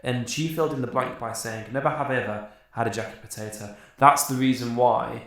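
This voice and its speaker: A man's voice: medium pitch, steady tone, brisk, a bit bright. A young man co-hosting a podcast. He rambles through a story, swears casually and laughs often. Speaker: podcast co-host. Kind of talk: casual chat. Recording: very echoey room.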